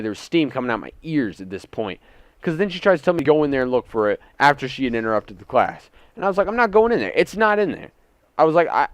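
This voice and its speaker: With a fairly high pitch and no room sound, a young man tells an indignant story full of swearing for his gaming channel. He's in his teens to young adult years, doing casual story time over gameplay indoors at home.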